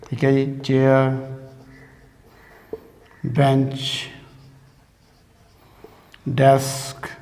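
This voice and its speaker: A man teaching an English grammar lesson at a board, slow and patient, often checking in with "theek hai". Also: medium pitch, completely flat delivery, gravelly, dark tone, big-room sound. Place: classroom with a board.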